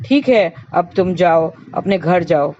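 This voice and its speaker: Woman voicing a calm, patient holy man. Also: fairly low pitch, measured pace, a little hiss or hum. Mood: gentle. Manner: soothing, coaxing. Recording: slightly dull lo-fi recording.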